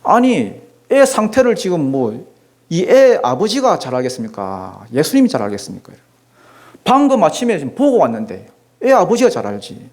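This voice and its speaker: A man's voice: on the high side, huge pitch swings, moderate pace, darkish tone. A male pastor with a Gyeongsang accent preaching a sermon in a church, emphatic and full of rhetorical questions and folksy asides. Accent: Gyeongsang Korean. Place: church sanctuary.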